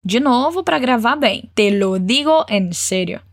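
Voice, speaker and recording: Woman teaching spanish, says phrases slow and clear, cheers you on, dry close sound. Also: a little high, animated, no echo. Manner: encouraging, models phrases slowly and clearly. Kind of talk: language lesson with repeat-after-me drills.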